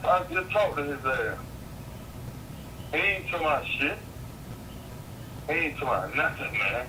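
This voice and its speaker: A man's voice: a little high, sing-song, normal speed, recorded from a distance, noisy background. A man in a casual phone chat, heard over a phone line, telling rambling, slangy, profane stories.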